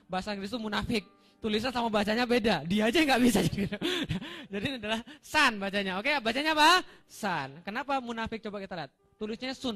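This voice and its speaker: Quick, high-voiced joking young preacher. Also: male voice, a bit bright. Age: young adult. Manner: playful, quizzing the audience and laughing at his own jokes. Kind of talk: humorous sermon with slides.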